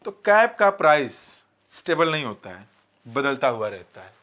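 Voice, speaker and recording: A man teaching vocabulary with memory tricks, asking rhetorical questions and repeating key words slowly. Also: mid-range voice, very animated, a bit bright. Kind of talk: vocabulary lesson with mnemonics.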